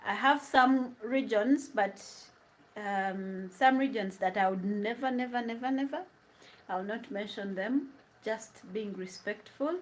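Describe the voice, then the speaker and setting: Here a young Ugandan vlogger talks a little slowly in a medium-pitched voice, and the audio quality is poor. She cooks in her home kitchen, reads viewers' live comments aloud and answers them casually. She's chatty, laughs often and mixes English with Luganda.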